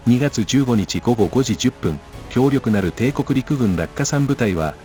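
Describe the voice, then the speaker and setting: A man's voice: medium pitch, animated, measured pace, mellow, soft background music. A man reading a formal wartime headquarters bulletin in the stiff, archaic manner of an old newsreel.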